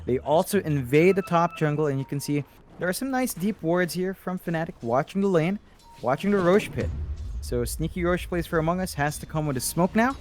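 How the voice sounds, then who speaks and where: A man commentating an esports match, analytical and measured, with some fillers and restarts. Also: fairly high pitch. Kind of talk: play-by-play commentary.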